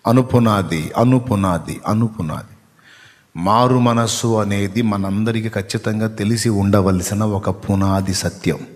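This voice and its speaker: A man's voice: fairly low pitch, steady tone, unhurried. Male preacher, emphatic, questions the room, long reverb, church hall. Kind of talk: sermon.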